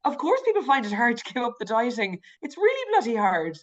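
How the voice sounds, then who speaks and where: A woman's voice: fairly high pitch, wildly swooping pitch, a little fast, dull audio. A woman with an Irish accent, a podcast guest talking candidly and reflectively, with frequent restarts and fillers. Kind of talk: candid conversational interview.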